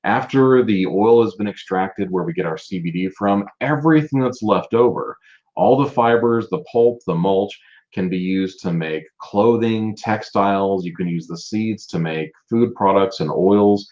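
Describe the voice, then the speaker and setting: A man's voice: on the low side, a little slow, a little mellow, muffled recording. A man hosting a casual live stream, chatting and greeting viewers by name as he presents. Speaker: livestream host presenting a business.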